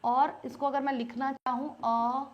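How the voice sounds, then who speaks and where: Indian woman, high voice, online English teacher, explains step by step and quizzes the class. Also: flat delivery, a little slow, muffled recording. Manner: explains step by step, quizzing students with frequent questions.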